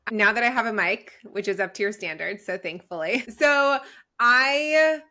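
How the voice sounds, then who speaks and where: A woman in her thirties, from Israel, speaking as a podcast guest in an energetic, conversational way. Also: on the high side, moderate pace. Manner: energetic, conversational, says "like" often. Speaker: guest, community founder. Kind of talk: podcast interview.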